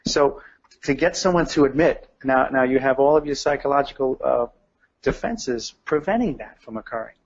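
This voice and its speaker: A man giving an interview in the calm, direct, measured way of a hostage negotiator. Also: mid-range voice, husky. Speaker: guest, retired police detective and hostage negotiator. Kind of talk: radio interview. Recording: dull, lo-fi audio.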